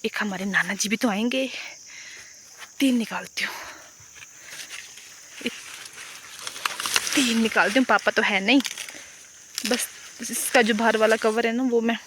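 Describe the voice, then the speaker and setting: A woman's voice: on the high side, steady tone, unhurried, long pauses, noisy background. A young woman chatting casually in a rambling vlog, speaking outdoors around a rural home and fields into a handheld phone. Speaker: vlogger.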